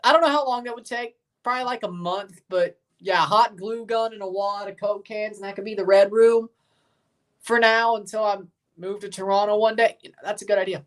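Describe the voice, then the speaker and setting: Reacting to a match on his livestream, a Mississippi man with a Southern accent chats casually with viewers, answering their comments in a relaxed, rambling style. He has a high, steady, a bit bright voice and talks a little fast, heard through a distant mic.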